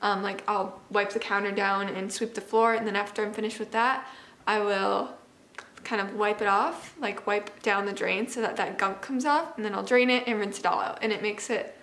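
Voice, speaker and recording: A woman in her twenties with a medium-pitched, fairly bright voice chats casually to camera as a homemaking vlogger, rambling and poking fun at herself. She speaks at a moderate pace with fairly even intonation. The camera mic sits about arm's length away or further in her open home kitchen, which sounds echoey.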